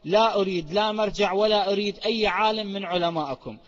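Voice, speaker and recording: A man with a fairly high voice argues firmly and insistently in a formal register. His words ring out with a long hall reverb. The sound is dull and lo-fi. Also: fast. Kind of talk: formal debate speech. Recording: muffled recording in a reverberant hall.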